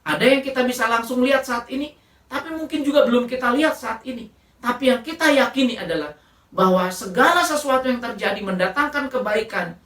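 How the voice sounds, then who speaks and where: A woman preacher giving a sermon, telling a story in an animated way and often addressing the congregation directly. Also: on the high side, brisk, reverberant, far from the mic. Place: church.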